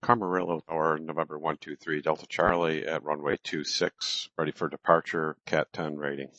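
Very deep male pilot on headset radio. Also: level tone, normal speed, bright, forceful tone, dry recording. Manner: clipped, standard aviation phraseology with readbacks. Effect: cockpit headset radio transmission. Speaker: private pilot. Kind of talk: radio calls to air traffic control. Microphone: headset microphone. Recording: dull, lo-fi, dry radio audio.

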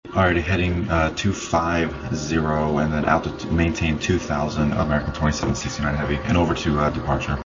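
A man's voice: very deep voice, level tone, fairly quick, few pauses. A man working as an airline pilot, speaking casually and unruffled in radio calls and readbacks. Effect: aviation radio transmission. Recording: muffled band-limited cockpit radio.

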